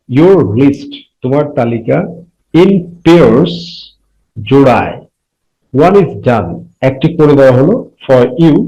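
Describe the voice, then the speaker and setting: A man teaching a primary school English lesson, reading each phrase slowly and translating it line by line. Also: mid-range voice, warm tone, muffled recording. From Bangladesh. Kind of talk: bilingual classroom lesson.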